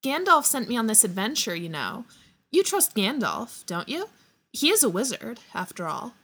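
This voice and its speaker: A woman voicing a cheerful male hobbit storyteller in an amateur audio reading, eager and quick to defend himself. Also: on the high side, very animated, a bit bright, slightly rough, full character voice. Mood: persuasive.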